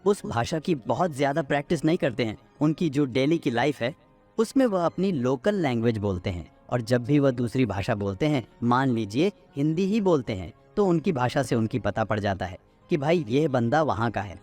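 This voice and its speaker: A man's voice: medium pitch, lively intonation, moderate pace, a little mellow, faint music behind. A young man hosting a self-help lesson, earnestly coaching listeners through numbered speaking tips. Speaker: voice coach host.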